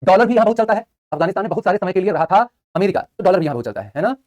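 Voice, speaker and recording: A man's voice: sits high, sing-song, rapid-fire, a little mellow. Chatty joking man teaching live class. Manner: chatty, joking asides between facts; repeats key answers for students.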